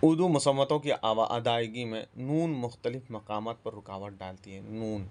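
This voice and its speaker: A man giving a spoken lesson on speech sounds, pausing often, correcting himself and dropping in English terms. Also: medium pitch, darkish tone. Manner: halting, self-correcting, mixes English terms. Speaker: teacher. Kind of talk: spoken lecture on phonetics.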